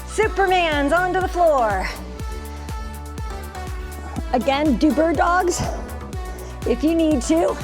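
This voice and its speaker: High-pitched woman coaching a workout. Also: takes it slowly, long pauses. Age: middle-aged. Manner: encouraging, motivational, calling out short cues; energetic, exercising while talking. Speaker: fitness instructor, host. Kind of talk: workout instruction, coaching through exercises. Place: inside a motorhome living area. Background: music.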